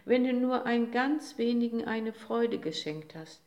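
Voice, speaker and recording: Woman as a gentle, comforting mother day. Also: a little high, animated, a little slow, voice pushed up. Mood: consoling. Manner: soft, consoling. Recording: roomy echo.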